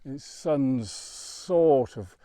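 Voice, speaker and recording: A man's voice: medium pitch, drawn-out words, mellow, dry recording. A man vlogging on a hike across windy open moorland, slightly out of breath, rambling with many ums into a handheld camera. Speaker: hiking vlogger. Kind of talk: casual vlog commentary.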